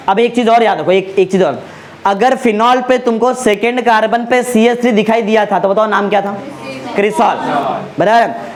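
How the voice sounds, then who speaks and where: Lecturing in a voice that sits high, a man tutoring chemistry keeps drilling the class with frequent check-in questions. For emphasis, he says important names slowly and more than once.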